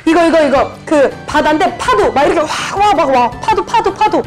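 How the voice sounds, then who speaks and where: Over music, a woman hosting her channel describes clues for a party guessing game, repeating words again and again. Her high voice is animated and brisk.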